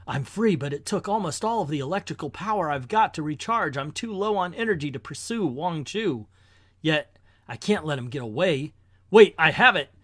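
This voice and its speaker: A heroic armored avenger acted out by a man makes grand, solemn declarations. The voice is fairly high for a male, theatrical in a comic-book way, and recorded dry. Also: lively intonation, moderate pace, fairly bright tone, no room sound. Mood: resolute. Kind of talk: comic book hero read-aloud.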